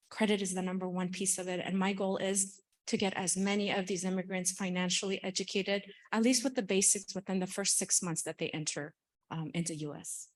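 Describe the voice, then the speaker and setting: A woman from Afghanistan answering as a panelist at a conference, speaking earnestly and with animation. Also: medium pitch. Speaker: panelist, credit union financial wellness partner. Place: conference room.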